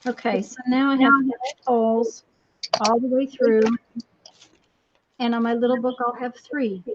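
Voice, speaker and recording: A woman casually hosting a live craft demonstration in a halting, folksy, apologetic way, her voice repeating with a strong echo. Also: on the high side, flat delivery, slight background noise. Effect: strong distracting echo on the voice. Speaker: craft tutorial host. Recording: dull lo-fi sound with bad echo.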